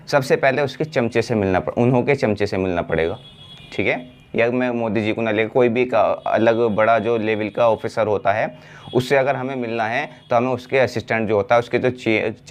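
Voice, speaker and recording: Male teacher giving a patient spoken English lesson, repeating each example and asking rhetorical questions. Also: medium pitch. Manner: explains slowly, repeats phrases, asks himself rhetorical questions. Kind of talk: classroom-style spoken lesson.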